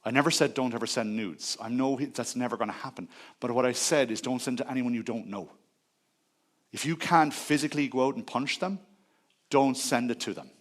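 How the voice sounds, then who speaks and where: A man's voice: medium pitch, a little fast. Middle-aged guy on stage at a tech conference, earnest, telling stories about his own life. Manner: earnest, personal storytelling. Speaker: conference speaker. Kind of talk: conference talk.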